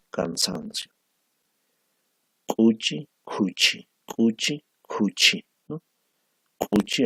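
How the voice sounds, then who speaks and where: Slow, deep, gravelly male teacher. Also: no echo, low-quality recording. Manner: slow and patient, drilling word pairs with a tag "¿no?". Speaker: Aymara language teacher. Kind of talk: recorded online language lesson.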